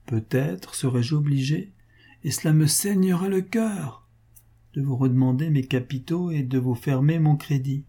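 A man's voice: medium pitch, expressive, measured pace, mellow. Man playing a cynical, wheedling financier. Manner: wheedling, mock-jovial, coldly insistent. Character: cynical wealthy male financier, falsely affectionate.

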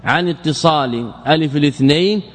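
A man's voice: on the high side, normal speed. A man giving a classroom grammar lesson, asking his students questions, answering them himself and repeating key phrases for emphasis. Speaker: teacher of Arabic grammar. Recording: long reverb of a lecture hall.

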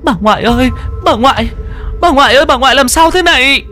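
A man's voice: very high-pitched, lively intonation, quick pace, pushed and bright, faint music behind, voice pushed up, full character voice. A man voicing a young, frightened grandchild pleading frantically for a grandmother. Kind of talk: audiobook voice acting.

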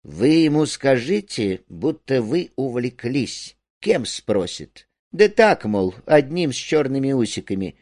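A sly, scheming woman, voiced by a man reading the play, speaking slowly and knowingly. She sounds conspiratorial, with lively pitch swings. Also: no echo, clean studio sound.

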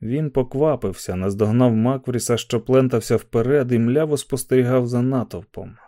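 A gravelly male narrator reads a tense novel aloud, dark in tone. He sits close to the mic in a dry, dead booth. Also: mid-range voice, moderate pace, no echo. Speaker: audiobook narrator. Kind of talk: dramatic audiobook reading.

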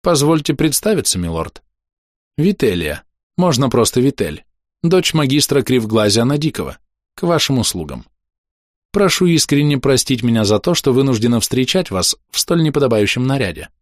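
A man voicing a hoarse, weakened young noblewoman who speaks in formal, courteous phrases in an audiobook. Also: mid-range voice, big pitch swings, normal speed, dry recording, clean studio sound, voice pushed up, natural voice. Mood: courtly. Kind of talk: audiobook character voice.

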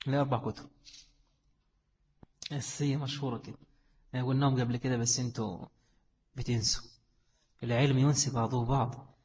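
A man's voice: mid-range voice, flat delivery, fast talker, long pauses, a little mellow, in a large hall, a little hiss or hum. A man with an Egyptian Arabic accent teaching a class on Islamic jurisprudence. He keeps putting questions to his students and answering them himself. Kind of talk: classroom lecture on fiqh.

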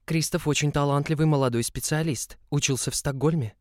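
A man's voice: fairly high pitch, fairly even intonation, brisk, no echo, clean studio sound, voice pushed up, natural voice. A man voicing a slim, timid young female coworker who speaks in a nervous, pleading way.

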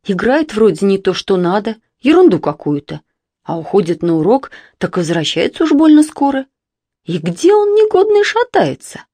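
A woman's voice: mid-range voice, very animated, moderate pace, dark tone, dry recording, voice pushed up. A woman voicing a worried mother who frets and scolds over her truant son, in a storybook reading. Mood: fretful. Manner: fretful, scolding, lamenting. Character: anxious mother of a truant boy.

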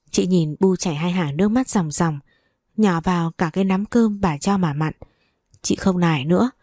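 A woman narrator reads the storybook at a steady, even pace. Her voice is low and mellow. It is recorded close and dry. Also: no room sound.

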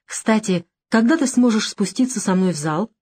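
A woman's voice: medium pitch, expressive, moderate pace, a little mellow, slightly rough. A woman voicing a young, coquettish and anxious female companion in an audiobook. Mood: coaxing.

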